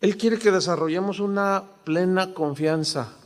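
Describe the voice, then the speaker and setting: A pastor in his sixties with a Mexican accent preaches conversationally and keeps asking his listeners rhetorical questions. His voice is high for a man, and the long reverb of a church hall follows every phrase. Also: a little slow. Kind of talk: sermon.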